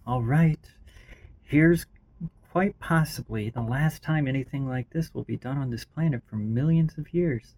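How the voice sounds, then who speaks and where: A man's voice: mid-range voice, a little slow, a little mellow. A man voicing a weary non-binary vampire survivor in a homemade story reading, blunt and tired. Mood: determined.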